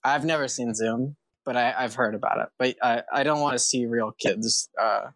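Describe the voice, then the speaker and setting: A man co-hosting a casual podcast, deadpan and halting. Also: medium pitch, dry recording. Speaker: podcast co-host.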